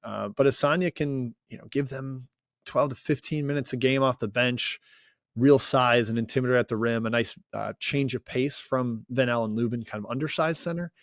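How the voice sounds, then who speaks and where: A man co-hosting a sports podcast, giving relaxed, measured analysis with hedging fillers. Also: mid-range voice, no room sound, studio quality. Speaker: co-host. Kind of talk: casual sports podcast chat.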